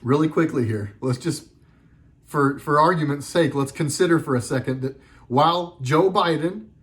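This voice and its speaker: High-pitched guy ranting about politics, sarcastic and fired up, middle-aged. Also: normal speed. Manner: sarcastic, emphatic, heated. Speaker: political commentator. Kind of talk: political commentary monologue.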